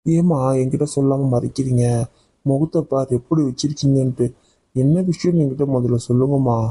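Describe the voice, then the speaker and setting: A man's voice: mid-range voice, a little fast, dark tone, breathy edge, close to an everyday voice. A man voicing a hot-tempered grown son and elder brother in a cartoon family drama, scolding and giving orders. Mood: worried. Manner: scolding, commanding.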